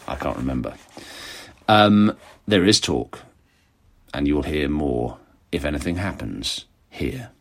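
A man, an author answering readers' questions in a wry, chatty way, his voice croaky with vocal fry and hoarse from a cold. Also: rumbling low, a bit bright. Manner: wry, chatty, self-mocking. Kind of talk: casual monologue answering audience questions.

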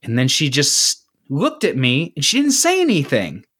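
Podcast guy rambling through a story, kinda high voice, swoops up and down a lot. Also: huge pitch swings, moderate pace, a bit bright, slightly rough. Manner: rambling storyteller, lots of filler and restarts, swings pitch for quoted voices. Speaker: podcast co-host. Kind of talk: casual chat.

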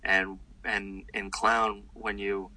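This comedian's voice is fairly low and he takes his time, yet his answers in the casual interview are animated and rambling, packed with fillers and restarts. The audio itself is low quality.

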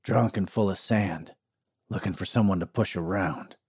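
A man voicing a calm, hard-bitten frontier shopkeeper who speaks in short, clipped sentences. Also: normal speed, slightly rough. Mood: flat. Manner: curt, low, clipped.

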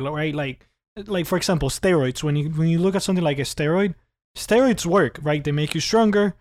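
A podcast guest in his twenties who grew up in Cuba chats casually and with lots of energy. He has a fairly high voice, laughs often, and keeps restarting sentences by repeating words.

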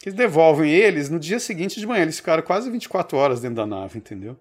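A man's voice: a little high, sing-song, fast, breathy edge. A man from Brazil co-hosting a podcast, telling a long story in casual chat and acting out the quoted voices. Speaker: podcast co-host.

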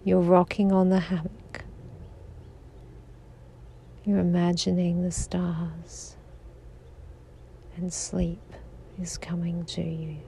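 A woman guiding a sleep meditation in a slow, soothing voice that drifts into whispers. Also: on the low side, completely flat delivery, creaky, warm tone, a little hiss or hum. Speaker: sleep hypnosis guide.

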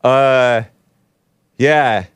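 Reading his viewers' chat messages out in mock voices, this livestream host keeps things casual and jokey, chuckling frequently. He has a clear, resonant mid-range voice that draws words out, with no room sound.

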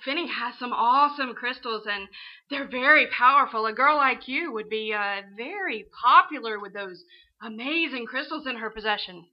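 A woman plays a clever, exasperated lady doctor in a noir fantasy audio drama. She speaks in a fairly high voice with dry, scolding, no-nonsense delivery. The recording is slightly muffled. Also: moderate pace, natural voice. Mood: dry, composed. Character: smart, sharp-tongued woman doctor, exasperated.

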